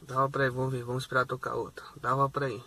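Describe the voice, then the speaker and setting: Talking fast in a level, sharp, mid-range voice, a young rideshare driver vlogs from his car during the day and at night, checking in upbeat with his viewers. The casual to-camera footage comes from a phone camera on the dashboard, with faint car and road noise.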